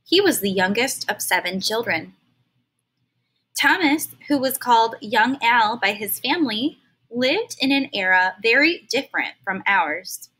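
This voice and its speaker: Reading a children's storybook aloud, a woman uses a fairly high, bright, clear voice with lively intonation. Her delivery is expressive, and like a teacher she stops to explain the harder words to young listeners in plain, simple language.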